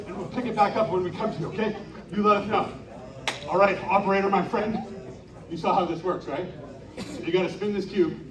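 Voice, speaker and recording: Man, high voice, animated stage performer, call-and-response, distant echoey live recording, loud crowd. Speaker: children's show performer. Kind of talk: live interactive stage show. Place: outdoor winter carnival stage.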